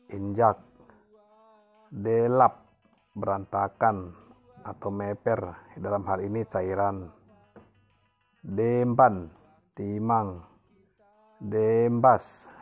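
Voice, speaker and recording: A man teaching a local language, reading a dictionary word by word, stressing each headword and repeating it, then giving its meaning. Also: fairly low pitch. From Indonesia. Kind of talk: slow word-list reading lesson.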